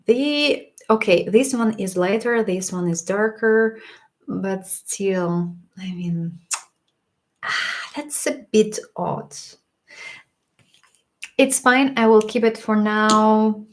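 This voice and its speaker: A woman's voice: medium pitch, slow pace, long pauses. Chatty woman reviewing makeup, voice a bit worn. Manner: chatty and frank, with small laughs and restarts. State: slightly losing her voice. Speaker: makeup livestream host. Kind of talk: casual product review on a livestream.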